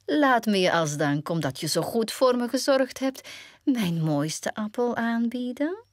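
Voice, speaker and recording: A wicked old witch from a storybook, played by a woman with a Flemish accent, pitched high above a normal speaking voice and drawn out slowly. She wheedles and cackles in a shrill, strange timbre, then screeches her threats loudly. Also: big pitch swings, no echo, clean studio sound. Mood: sweetly scheming.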